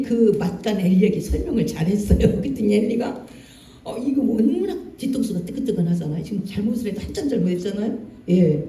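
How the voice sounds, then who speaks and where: A pastor preaching a Sunday sermon, lively and colloquial, acting out scenes with jokes and emphasis. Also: mid-range voice. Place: church sanctuary. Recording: distant echoey church hall.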